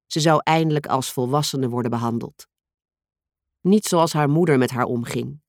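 Male audiobook narrator, measured delivery, mid-range voice, dry booth sound. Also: medium pitch, no room sound. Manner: steady, measured storytelling read. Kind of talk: scripted narration.

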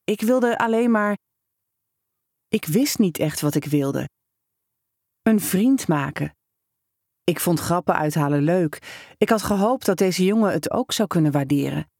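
A storyteller reads a first-person story in a steady, measured voice of middle pitch. The take is close and dry, with no room around it. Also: creaky, no room sound.

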